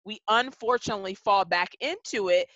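A woman guest on a podcast, telling a story from her work in a measured, reflective way and slowing down to stress her points. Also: medium pitch, a bit bright, no room sound. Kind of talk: conversational interview storytelling. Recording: dull, dry lo-fi podcast audio.

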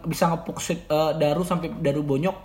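A man's voice: on the high side, fairly even intonation, a little fast, roomy sound, noisy background. A young man, co-hosting a podcast in rowdy, joking banter and swearing often. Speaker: podcast co-host. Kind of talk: casual banter.

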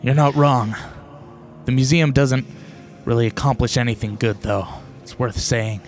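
A man voicing a sly, cynical man lurking in shadows, gravelly and sardonic, in a tabletop game. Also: mid-range voice, measured pace, close to an everyday voice. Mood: cynical, resigned. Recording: background music under the voice.

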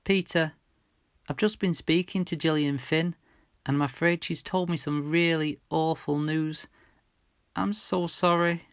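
A man doing a gentle tearful mum. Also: sits high, unhurried, no echo, studio quality, pitched above the performer's own voice. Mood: strained. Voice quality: soft, trembling, breaking with sobs. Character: gentle tearful middle-aged English mother.

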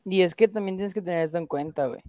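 A woman's voice: fairly low pitch, fast, dark tone, no room sound. A young woman with a Mexican accent, chatting casually on a stream, full of slang and swearing. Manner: slangy, swears a lot, peppers speech with filler words. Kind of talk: casual profane stream chat.

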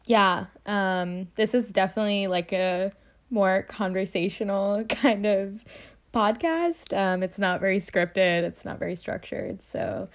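A woman's voice: medium pitch, measured pace. A young woman co-hosts a podcast in a loose, conversational way. She rambles a little, fills gaps with um and like, and laughs easily. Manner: chatty, laughs often, many fillers. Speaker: podcast co-host. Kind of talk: casual chat.

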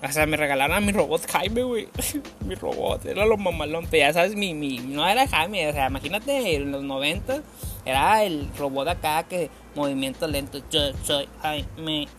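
A young man with a northern Mexican accent spins a crude comic story, animated and laughing as he jumps into different voices. His voice is high and bright, and soft music plays faintly underneath. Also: normal speed. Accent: Mexican Spanish, northern. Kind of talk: comedic storytelling, heavy slang.

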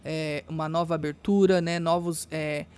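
A man's voice: a little high, little pitch movement, normal speed, darkish tone, smooth. A Brazilian man presenting radio news in a casual, chatty on-air style.

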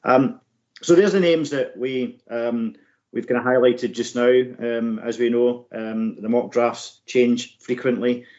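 A man hosting a sports podcast, talking off the cuff about the draft in halting, broken phrases full of ums. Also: medium pitch, fairly even intonation, a little mellow. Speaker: podcast host. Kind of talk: unscripted American football draft commentary. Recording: slightly dull, lo-fi podcast audio.

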